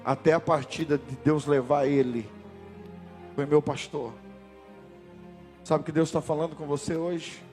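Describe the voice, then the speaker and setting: A man in his forties from Brazil, a pastor preaching a sermon and telling his own story, swelling louder and higher at the climaxes. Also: steady tone, measured pace, long pauses, faint music behind. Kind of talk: sermon with personal testimony.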